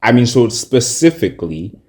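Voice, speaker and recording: A man from Zimbabwe co-hosting a casual podcast chat, relaxed and thoughtful, with frequent fillers. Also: mid-range voice, normal speed. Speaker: podcast co-host.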